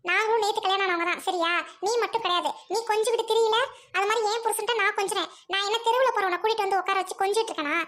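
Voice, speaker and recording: A woman voicing a loud, scheming young bride who scolds and wails in a family skit. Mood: scolding. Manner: shrill, scolding, quick to wail. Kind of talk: Tamil family skit acting.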